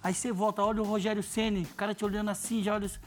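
A middle-aged man, a former footballer, telling stories in casual chat, animated and laughing often. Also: high-pitched, rapid-fire, a little hiss or hum.

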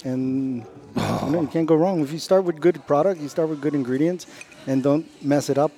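A middle-aged man, a chef, talking about his restaurant in a relaxed, unhurried way with lots of fillers. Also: fairly high pitch. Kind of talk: casual interview chat.

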